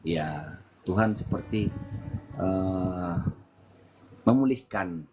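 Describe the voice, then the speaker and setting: Brief: middle-aged man, Medan accent, lively storyteller giving testimony, faint music under him. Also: low voice, drawn-out words. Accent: Medan Indonesian. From Medan, Indonesia. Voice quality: animated storyteller, voice jumps up when excited. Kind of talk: casual testimony interview.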